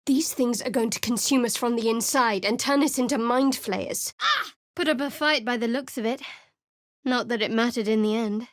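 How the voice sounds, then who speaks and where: For a video game, a woman voices a young cleric who is guarded and sarcastic, with a dry, sardonic edge. Her natural voice is fairly high and paced normally, recorded on a close studio mic with no echo.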